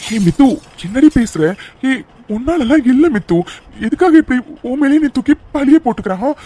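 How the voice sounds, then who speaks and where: A performer voicing a young husband in a cartoon, hesitant at first and then gently comforting his wife. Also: high-pitched, lively intonation, moderate pace, slight background noise. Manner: soft, hesitant, reassuring. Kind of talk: cartoon voice acting.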